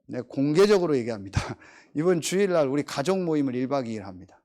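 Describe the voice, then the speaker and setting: A middle-aged man preaching a sermon as pastor, swinging between emphatic, drawn-out declarations and chatty, joking asides about his family. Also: mid-range voice. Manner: animated, emphatic preaching with drawn-out stressed phrases.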